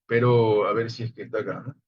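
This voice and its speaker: A man's voice: lowish voice, steady tone, quick pace. Man teacher, patient explainer, online class lecture over slightly dull video-call audio. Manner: explains patiently, addresses listeners as brothers. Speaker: Bible Hebrew teacher.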